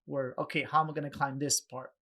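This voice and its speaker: Man, young adult, from Peru, podcast guest, lively storytelling, slightly high voice. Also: fast. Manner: animated, acts out quoted voices with raised pitch. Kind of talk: casual storytelling in an interview.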